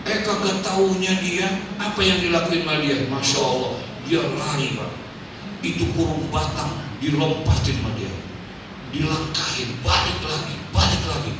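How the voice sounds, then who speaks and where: A middle-aged man with a Betawi Jakarta accent delivers a comic sermon at an outdoor market gathering, trading jokes and throwing his voice into the people he quotes, sometimes shouting the punchlines. His voice sits high and echoes through a distant PA, with steady chatter and noise behind it. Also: normal speed. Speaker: preacher. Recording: echoey distant PA sound, noisy crowd.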